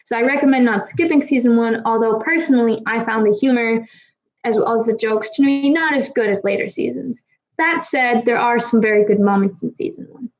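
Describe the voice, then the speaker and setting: A woman's voice: fairly high pitch, brisk, lo-fi sound. A young woman from Kazakhstan, slightly tipsy, chatting casually with a live audience, rambling and swearing freely, with trouble pronouncing her R's. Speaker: streamer answering chat.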